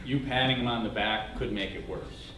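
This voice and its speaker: A man's voice: fairly low pitch, moderate pace. Distant male presenter in echoey room. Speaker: class presenter. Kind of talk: informal instructional talk. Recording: echoey room, distant mic, clear noise.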